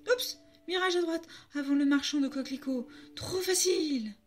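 A woman doing a cocky high-voiced tomcat. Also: expressive, moderate pace. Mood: triumphant. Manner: cocky, exclamatory. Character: boastful male Persian cat, map-reading know-it-all.

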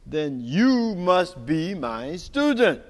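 A man voicing an eager, bossy little female yellow bird who plays teacher, chirpy and jumping up high in pitch. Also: big pitch swings, extremely slow, long reverb tail, exaggerated voice.

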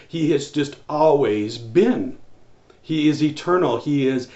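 A man's voice: a little high, lively intonation, slow pace, a little mellow. A man in his forties preaching a home church sermon to camera, earnest, with many restarts and fillers. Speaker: pastor. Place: small room with wall shelves, indoors. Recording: roomy, slightly dull sound.

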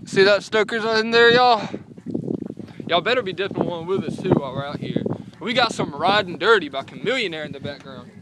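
A man's voice: high-pitched, noisy background. A young man with a Southern US accent talks with a lip full of dip, giving a casual, rambling, profane review outdoors. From North Carolina, USA. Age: young adult. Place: outdoors in a rural yard by parked vehicles. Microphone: camera set on a car, about a meter away.

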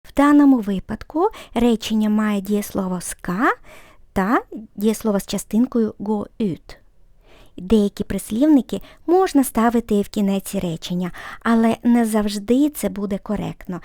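A woman teaching a language lesson, patiently explaining grammar and repeating example sentences slowly and clearly. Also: mid-range voice, dark tone, no room sound, clean studio sound.

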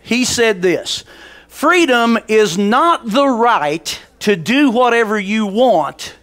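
A man's voice: high-pitched, animated, slow. A man, preaching a folksy sermon in a church sanctuary on a headset mic, calling out to the congregation. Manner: folksy, calls on the congregation, rises to loud preaching; paces the stage, gesturing. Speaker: pastor. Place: large church sanctuary stage.

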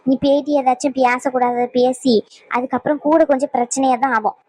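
A woman plays a stern middle-aged mother-in-law in a cartoon drama, lecturing her family at length in a high voice. The recording is dry and close. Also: level tone, a little fast, warm tone, dry recording. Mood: scolding. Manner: lecturing, scolding. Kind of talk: Tamil cartoon drama voice acting.

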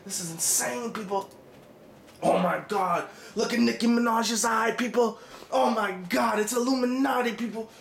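A man's voice: very high voice, fairly even intonation, moderate pace, vocal fry, reverberant. A man doing a frantic, rambling parody rant that keeps calling out to "people". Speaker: comedic conspiracy vlogger.

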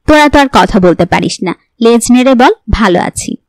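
A woman's voice: fairly high pitch, animated, normal speed, no room sound. A woman voicing a young pregnant wife who is oddly cheerful. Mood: cheerful, teasing.

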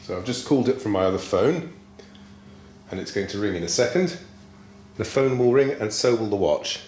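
A man's voice: on the low side, moderate pace, a little mellow. A man working as a tech reviewer, talking casually through a product demonstration. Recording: echoey room, faint background noise.

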